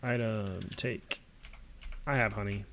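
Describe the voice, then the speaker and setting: A man's voice: lowish voice, fairly even intonation, slow, fairly bright tone, slight background noise. A man co-hosting a podcast, chatting in a laid-back way while his friend plays a video game, swearing freely. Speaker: podcast co-host. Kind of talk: casual gaming chat.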